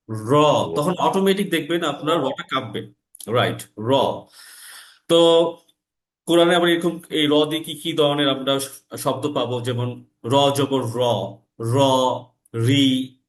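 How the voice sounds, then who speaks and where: A man teaching Quran recitation in an online class, explaining letter sounds and repeating them slowly for learners. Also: mid-range voice, rough recording. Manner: slow, drawn-out recitation. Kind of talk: online lesson, slow and explanatory.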